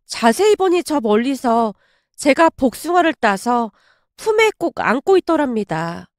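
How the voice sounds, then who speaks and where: A woman's voice: sits high, very animated, unhurried, dry recording, clean studio sound. A woman in her thirties narrating a personal family story in a chatty, confiding way.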